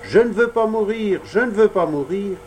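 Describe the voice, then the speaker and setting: A man voicing a small, frightened wooden puppet boy who pleads in high cries in a storybook reading. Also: big pitch swings, normal speed, warm tone, a little hiss or hum. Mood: pleading.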